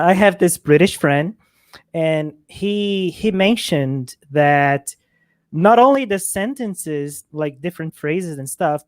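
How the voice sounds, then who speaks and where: A woman chatting casually on a panel, telling a story with relaxed, thoughtful pauses. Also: sits low, dry recording, studio quality.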